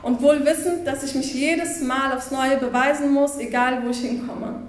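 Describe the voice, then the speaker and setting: A woman's voice: sits high, steady tone, normal speed, echoey room. A woman in her twenties from Berlin giving a conference talk on a headset mic, telling stories in an earnest way and acting out what people said to her. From Berlin, Germany. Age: 20s. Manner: earnest storytelling, acting out quoted remarks. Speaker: conference speaker. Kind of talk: stage talk. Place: bright conference room with windows.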